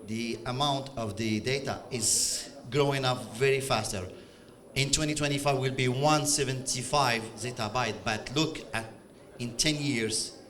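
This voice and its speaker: Standing on a conference stage, this middle-aged speaker from Algeria, a native speaker of French and Arabic, presents in English with an Algerian accent. His medium-pitched voice has a fairly bright tone, and his delivery is hesitant, full of fillers and restarts.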